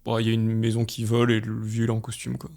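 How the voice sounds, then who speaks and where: A young man co-hosting a relaxed podcast, his voice carrying a gravelly fry. He talks quickly and pokes fun at himself, laughing often. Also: lowish voice. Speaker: podcast co-host. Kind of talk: casual chat, word-association game.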